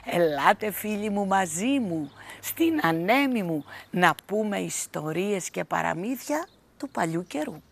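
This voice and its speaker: A woman narrating an old folk tale in a slow, expressive way. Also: medium pitch, gravelly. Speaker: storyteller.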